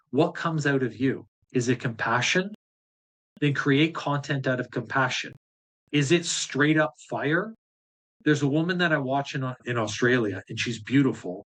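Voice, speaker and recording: A man leading a live group coaching session in a blunt, fired-up way. He talks straight at his listeners and swears casually, with a voice of middling pitch. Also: a bit bright. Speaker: business coach.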